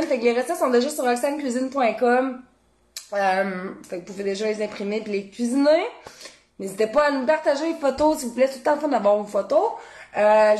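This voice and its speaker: A woman with a Québécois accent hosting a live cooking stream, her voice sitting a little on the high side. She chats loosely and expressively, talks straight to her viewers and reads their comments aloud. She drops casual swears as she goes. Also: a little mellow. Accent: Québécois French. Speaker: cooking show host. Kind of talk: casual livestream chat.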